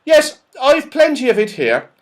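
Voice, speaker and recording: A muddled, half-deaf storybook fellow. His voice is very high and loud, swinging about emphatically as he blithely mishears. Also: huge pitch swings, a little slow, full character voice. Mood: oblivious, cheerful. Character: hard-of-hearing, muddled, noisy saucepan man.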